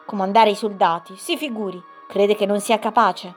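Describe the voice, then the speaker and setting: A woman voicing a proud, eager young princess who speaks in a high, bold, exclaiming voice, in a storybook reading. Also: fairly even intonation, moderate pace, soft background music, close to an everyday voice.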